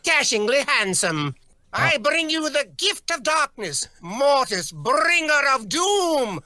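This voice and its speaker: An actor playing a pompous, theatrical gothic vampire villain in a video game, declaiming grandly. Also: male voice, very high voice, very animated, takes it slowly, sharp tone, dry recording, full character voice. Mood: grandly sinister. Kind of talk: video game character catchphrases.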